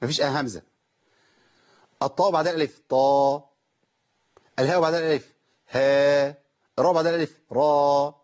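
On a lo-fi TV recording, a Quran recitation teacher with an Egyptian accent explains the pronunciation of Quranic letters one step at a time and tests his audience with questions. His voice is a little high and darkish, with fairly even intonation, a quick pace, and long pauses.

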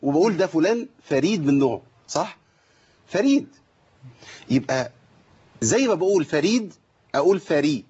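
Egyptian sheikh giving a recitation lesson, kinda high husky voice, stretches out the verses, dull lo-fi sound. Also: male voice, animated, mellow. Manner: explanatory, drawn-out recited demonstrations, rhetorical questions. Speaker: Quran recitation teacher. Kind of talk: broadcast tajweed lesson.

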